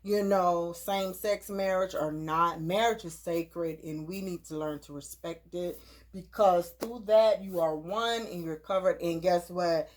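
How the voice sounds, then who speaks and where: A woman with a lowish voice talks through a casual chat. She sounds earnest and a little preachy as she gives advice, and she often restarts and repeats her words. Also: a little slow. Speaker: host.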